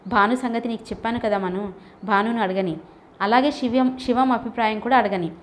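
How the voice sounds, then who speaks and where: A woman voicing a caring middle-aged mother gently advising her son, in a storybook reading. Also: on the high side, fairly quick, slight background noise, close to an everyday voice.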